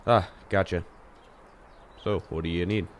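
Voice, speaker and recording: Man playing Bruce, low-voiced level-headed schoolboy. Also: a little slow. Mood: calm, dry. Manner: calm, dry, reasoning. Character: level-headed, popular, reluctant-hero teenage schoolboy Bruce. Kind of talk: amateur audio drama acting.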